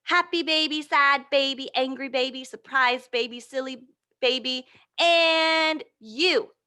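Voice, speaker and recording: In a fairly high, very bright voice, a woman slowly guides small children through a picture-book storytime. She's animated and encouraging, often putting simple questions to her young audience and answering many of them on her own.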